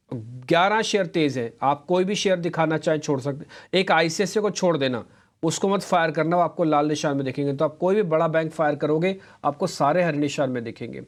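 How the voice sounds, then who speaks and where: Higher-voiced man anchoring live market talk. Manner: chatty, coaching viewers directly. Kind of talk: live stock market commentary.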